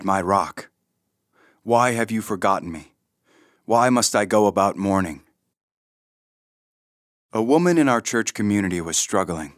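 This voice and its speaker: A man reading a daily devotional in a calm, measured scripted style. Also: fairly low pitch, no room sound, studio quality. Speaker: devotional reader.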